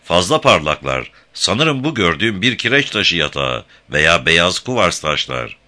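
A man voicing a confident, calm young frontiersman in a Turkish audiobook, speaking in a steady, matter-of-fact way. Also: deep voice, unhurried, heavily acted. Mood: doubtful.

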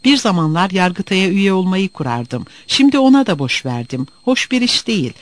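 A man's voice: high-pitched, expressive, moderate pace. A man voicing a bitter, sullen young former student who answers in a defiant grumble.

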